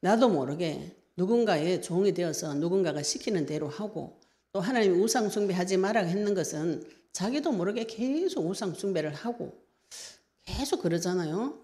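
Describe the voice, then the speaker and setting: A woman pastor preaches with a Gyeongsang Korean accent in a low, gravelly voice. Her tone is dark and mellow. She tells her stories with lively, personal energy and acts out what she once said. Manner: lively storytelling, acts out her own past words. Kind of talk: sermon.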